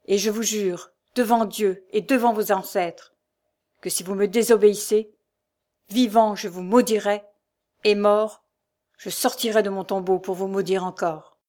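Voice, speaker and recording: A woman's voice: medium pitch, steady tone, a little slow, a little mellow, lightly acted. A woman voicing a proud old baron in a storybook, raging at his son with vehement, commanding force. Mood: furious.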